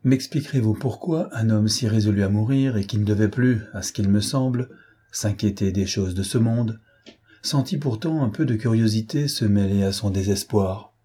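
A man narrating a novel as an audiobook in a measured, deliberate reading. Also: on the low side, dark tone, slightly rough. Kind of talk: scripted literary narration.

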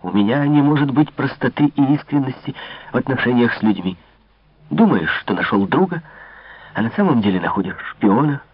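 A man voicing an anguished, jealous young king, often dropping to a breathy whisper. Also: medium pitch, expressive, fairly quick, no room sound, close to an everyday voice. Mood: tormented, hushed. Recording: dull lo-fi dry recording.

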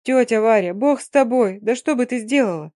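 A woman's voice: on the high side, a little fast, dark tone, no room sound, studio quality, natural voice. A woman voicing a young Romani woman, pleading and tearful, in an audiobook. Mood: alarmed. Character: young Romani woman singer, grieving, frightened.

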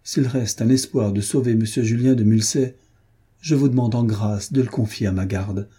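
A man's voice: lowish voice, normal speed, warm tone, breathy edge. A man reading aloud voices a remorseful young woman who pleads earnestly and with feeling. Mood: earnest pleading. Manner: emotional, imploring.

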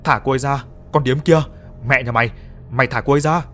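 A man voicing a desperate young man who pleads and shouts in a raised voice. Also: mid-range voice, steady tone, quick pace, natural voice. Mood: furious.

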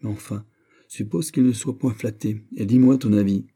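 A male reader voicing a vain, excitable young prince in an audiobook. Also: lowish voice, normal speed. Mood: petulant. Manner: fussy, excitable, self-admiring. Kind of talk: audiobook character reading.

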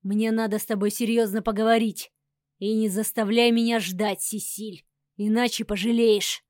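A woman voicing a cruel, furious aristocratic husband who snarls threats loudly in an audiobook. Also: a little high, flat delivery, moderate pace, no echo, clean studio sound, natural voice. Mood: threatening. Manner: snarling, menacing, loud.

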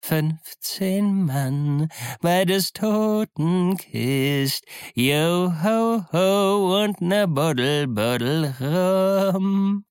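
A man voicing an eerie ghostly voice with a thin, hollow, tremulous tone, slowly singing and wailing from far away in a storybook reading. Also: sits high, wildly swooping pitch, a bit bright, no echo, studio quality, pitched above the performer's own voice, exaggerated voice.

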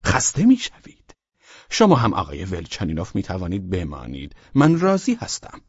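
A man voicing a bold, arrogant young man of about nineteen who speaks in a measured, haughty way in an audiobook. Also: sits low, wildly swooping pitch, breathy edge, no echo, dull audio, exaggerated voice. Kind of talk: audiobook character voice.

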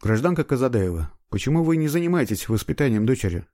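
A man reading a book aloud, voicing a calm, methodical investigator in measured, official tones. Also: medium pitch, no room sound, studio quality, voice pushed up, natural voice. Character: calm, methodical male investigator, middle-aged.

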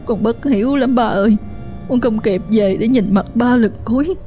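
A tearful young daughter with a Southern Vietnamese accent, put on by a woman storyteller, her voice pitched high and strained, loud and sobbing. She pleads and fights back in a cornered, defiant way, with soft music behind her. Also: moderate pace, close to an everyday voice. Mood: sobbing, pleading.

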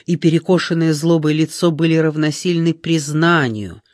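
A man narrating an audiobook in an expressive, unhurried storytelling manner. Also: on the high side, no echo, clean studio sound. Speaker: audiobook reader. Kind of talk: scripted narration.

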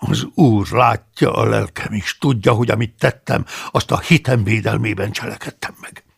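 A man's voice: on the low side, gravelly, slightly rough, heavily acted. A man voicing a stern, indignant older male abbot who scolds and blusters, in an audiobook reading. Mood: defiant. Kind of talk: audiobook character voice.

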